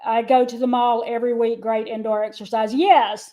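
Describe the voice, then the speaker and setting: A woman co-hosts a livestream in relaxed chat. Her voice sits a little high, and she laughs often and reads viewer comments aloud. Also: moderate pace, poor audio. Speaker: livestream co-host. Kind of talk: casual chat.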